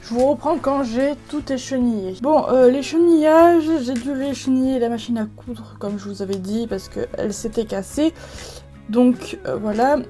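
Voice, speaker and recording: A woman from France walks viewers through a crafting project in a relaxed, chatty way. She often stops on fillers and starts her sentences over. Her voice sits fairly high yet sounds mellow and warm. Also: normal speed, faint music behind. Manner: chatty, many fillers and restarts. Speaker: craft video creator. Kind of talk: casual crafting tutorial.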